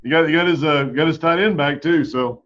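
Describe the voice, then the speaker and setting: A man hosting a talk show, speaking in a halting, appreciative way. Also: a little high, fairly bright tone. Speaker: host. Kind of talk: casual interview talk. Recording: dull lo-fi sound.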